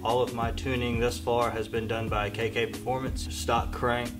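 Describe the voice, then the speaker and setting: A man in his thirties reciting the parts list of his car build in a steady, matter-of-fact way, with frequent "uh" and "um". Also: medium pitch, normal speed, music in the background. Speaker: car owner. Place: garage shop, indoors.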